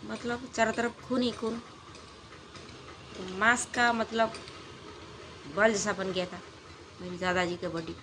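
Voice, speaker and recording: A woman's voice: medium pitch, steady tone, slow, pauses often, a bit bright, slight background noise. A woman telling a true family story in a casual, rambling way, with many fillers and restarts.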